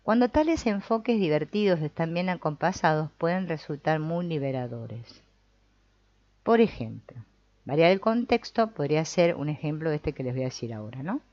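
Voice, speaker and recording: A woman teaching an online course in a low, conversational voice. She tags many phrases with a questioning "no?" and stops to hunt for words. The sound is close and dry on a dull, slightly muffled recording. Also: lively intonation, dry recording. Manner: pauses to search for words and corrects herself. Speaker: course instructor. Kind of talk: explaining therapy exercises in an online course.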